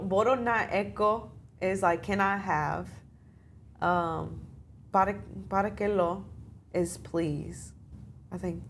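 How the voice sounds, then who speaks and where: A young American woman, a study abroad student appearing as a guest, chats casually in an interview, using lots of filler phrases. Her voice is on the low side, with a little hiss or hum.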